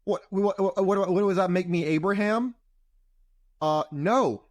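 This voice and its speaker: A man's voice: sits high, measured pace, dry recording. A man hosting a show, giving blunt, sarcastic reaction commentary on a video clip. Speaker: host and commentator.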